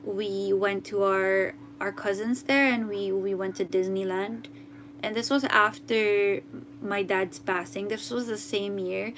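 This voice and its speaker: A young Filipino woman with a Filipino accent, chatting casually on a livestream, reading out comments and mixing in Tagalog, often halting to correct herself. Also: mid-range voice, steady tone, fairly bright tone, slight background noise. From Philippines. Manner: chatty, switches between English and Tagalog, often halting and unsure. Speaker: musician hosting a livestream.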